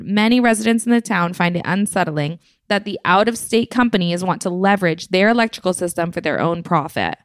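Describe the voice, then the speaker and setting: Woman podcast host, mid-pitched, playful and sarcastic, dry close studio sound. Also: dry recording. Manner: wry, playful delivery with sarcastic asides. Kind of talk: scripted comedic news commentary.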